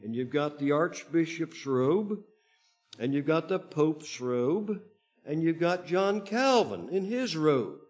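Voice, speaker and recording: A man preaching a Bible teaching to his congregation, speaking in halting phrases with frequent restarts and pauses. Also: fairly high pitch, animated, a little mellow. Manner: slow, halting delivery with many restarts. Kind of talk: sermon-style Bible teaching.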